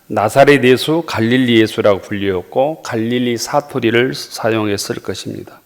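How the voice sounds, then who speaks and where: A man delivering a sermon as pastor, reading scripture verses in a measured way and pausing with small fillers. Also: fairly low pitch. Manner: frequent hesitation fillers.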